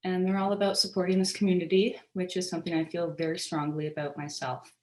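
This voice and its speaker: A woman with a lowish voice speaks casually and personally, hesitating often as she goes. Her voice rings in an echoey room. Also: little pitch movement, fast, a little hiss or hum. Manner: casual, many ums and uhs. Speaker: board nominee. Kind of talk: personal candidate statement.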